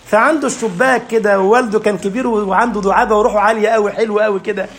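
A man with an Egyptian Arabic accent preaching a sermon, telling lively stories and acting out the voices of the people he quotes. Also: high-pitched, racing.

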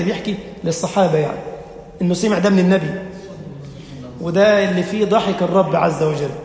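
A high, gravelly male voice preaches with an Egyptian accent, acting out the voices of a story as he tells it. He is recorded in an echoey hall with a long reverb tail. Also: darkish tone. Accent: Egyptian Arabic. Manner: dramatic storytelling, acting out dialogue with rising pitch. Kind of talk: sermon.

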